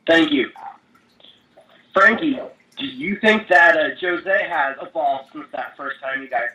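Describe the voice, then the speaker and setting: Casting: man, higher bright voice, reporter questioning on a faintly noisy phone call. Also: a little slow. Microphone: telephone conference call.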